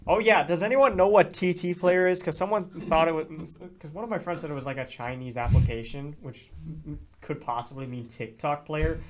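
A teenage boy hosts a casual podcast with a co-host, his voice slightly high for a young man. He jokes, swears freely and laughs a lot as he rambles. Faint noise hums under the recording. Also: fairly quick. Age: teens. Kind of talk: casual chat. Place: indoors, in person with a co-host.

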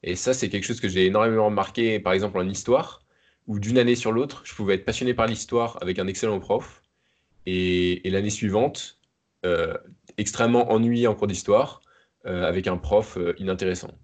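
A young man co-hosting a casual chat, explaining things in a measured way. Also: on the low side. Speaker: podcast co-host.

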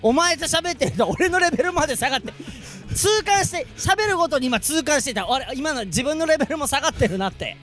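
A man co-hosting a comedy podcast, scolding his partner in indignant, rapid rants during an improvised bit. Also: very high-pitched, animated, a bit bright, soft background music. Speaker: comedy duo member, podcast co-host.

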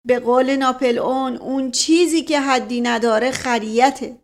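A woman's voice: high-pitched, steady tone. A woman voicing a paranoid, self-important older uncle ranting indignantly in a storybook reading. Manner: indignant, self-righteous rant.

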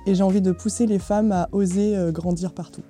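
A woman illustrator introducing herself in a hesitant way, with many pauses. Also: mid-range voice, fairly even intonation, warm tone, soft background music. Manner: hesitant, full of "euh". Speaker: guest, illustrator. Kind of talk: group discussion.

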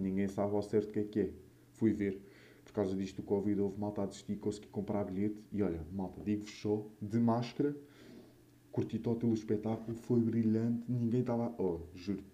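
Dark-voiced young Portuguese man, rambling casually. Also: fairly low pitch. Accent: European Portuguese. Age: young adult. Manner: slangy and sweary, informal. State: mouth still a bit swollen after wisdom tooth removal. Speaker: podcast or vlog host. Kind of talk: casual solo chat, rambling anecdotes.

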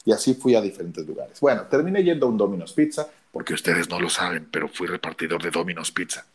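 A man with a deep voice and a Mexican Spanish accent, a radio announcer telling his story in casual chat and acting out the dialogue. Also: fast.

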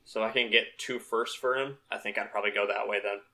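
A young man with a bright, lowish voice co-hosts a casual fantasy football chat. He talks in an easygoing way and drops in wry remarks. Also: fairly even intonation, fast talker. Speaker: podcast co-host.

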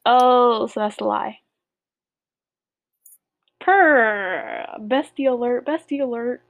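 A woman's voice: on the high side, slow pace, creaky, no echo, phone-quality sound. A young woman co-hosting a casual podcast, playful and teasing with slangy banter. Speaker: podcast co-host. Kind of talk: casual chat game with a friend.

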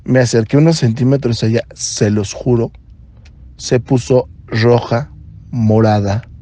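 A man with a Mexican accent, a podcast host and doctor, telling a story in an animated way and acting out the dialogue. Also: mid-range voice, a little slow. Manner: animated, acts out dialogue in other voices. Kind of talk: storytelling monologue.

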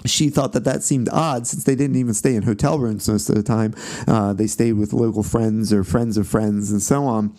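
A man's voice: fairly low pitch, steady tone, normal speed, warm tone. A man giving a casual music history lecture, talking loosely with fillers, restarts and frequent tag questions. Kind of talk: classroom lecture.

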